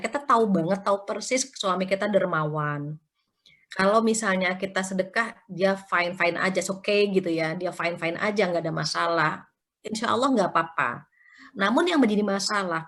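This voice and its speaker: A woman religious teacher talks in a relaxed, chatty storytelling manner. She acts out short everyday quotes and keeps adding tag fillers as she explains. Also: medium pitch. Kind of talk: conversational religious study talk.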